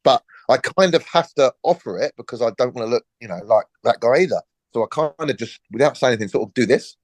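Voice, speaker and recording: A man in his forties, a former footballer and podcast guest, telling a relaxed story and acting out the dialogue. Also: mid-range voice, fast, no echo. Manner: lively storyteller, acts out quoted dialogue, frequent restarts.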